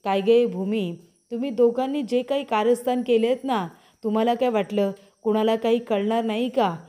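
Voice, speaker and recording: A woman's voice: on the high side, fairly even intonation, normal speed, mellow, close to an everyday voice. A woman voicing a vengeful villainess, taunting. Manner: menacing, taunting, repeating threats.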